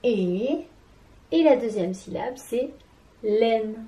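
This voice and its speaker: Slow, mellow woman teaching a lesson. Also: medium pitch, animated, roomy sound, low-quality recording. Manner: slow, careful, syllable by syllable; addresses the child directly. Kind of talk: children's reading lesson.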